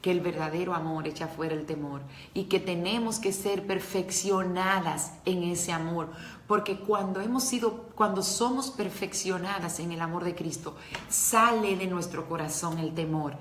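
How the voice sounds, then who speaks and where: A woman preaches a devotional talk, earnest and emotional as she speaks straight to her listeners. Her voice sits a little low. It rings in a roomy echo with faint noise behind. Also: normal speed, fairly bright tone.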